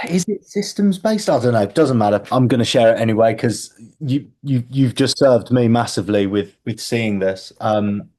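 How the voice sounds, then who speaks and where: A man with a somewhat low voice hosts a casual group call. He thinks out loud, restarting and repeating words as he works his way to the point. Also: normal speed, hardly any pauses. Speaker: book club host.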